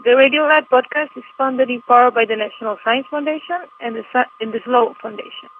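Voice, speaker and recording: A woman's voice: on the high side, a little fast. Woman from chile leaving a voicemail, thin phone-line sound, a bit of hiss. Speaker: listener caller. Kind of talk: voicemail message.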